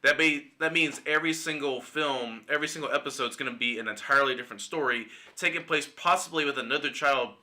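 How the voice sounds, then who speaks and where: Bright-voiced man giving casual commentary. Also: medium pitch, quick pace, few pauses. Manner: speculative, opinionated, casually swearing. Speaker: YouTube movie commentator. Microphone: desktop mic, screen-recorded video.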